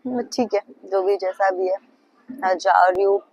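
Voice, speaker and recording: A woman's voice: medium pitch, fairly even intonation, a little slow, a little mellow, lo-fi sound, slight background noise. A young woman from central India chatting on a casual travel vlog, wistful and talkative, mixing in English words, recorded outdoors on a hand-held phone. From Madhya Pradesh, India. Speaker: vlogger. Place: outdoors on the road.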